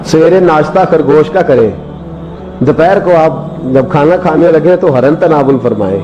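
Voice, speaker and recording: A man's voice: on the high side, animated, unhurried, warm tone, lo-fi sound, a little hiss or hum. A man voicing a clever, sly female fox in a sermon parable, speaking politely and carefully. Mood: sly, deferential.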